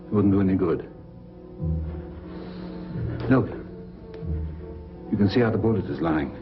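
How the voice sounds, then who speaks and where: A grim surgeon talks in a low, sombre, matter-of-fact voice with resignation, in 1940s film style. The man's voice sits on a dull old soundtrack with music clearly behind it. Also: expressive, measured pace. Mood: grim, resigned. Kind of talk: 1940s film drama acting.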